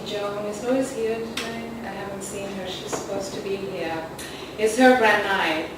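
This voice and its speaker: A woman hosting a poetry reading and slideshow, introducing the evening in an earnest, somewhat rambling way. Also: mid-range voice. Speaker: host and anthology editor. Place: literary arts center event hall. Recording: roomy, distant, noisy hall recording.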